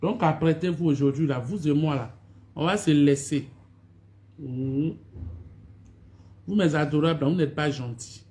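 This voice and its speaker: A woman's voice: low voice, a little slow, pauses often, mellow. Scolding woman on a live stream. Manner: scolding, complaining, repeats greetings and "my dears" to viewers. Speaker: actress doing a live stream for followers. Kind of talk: casual live-stream chat.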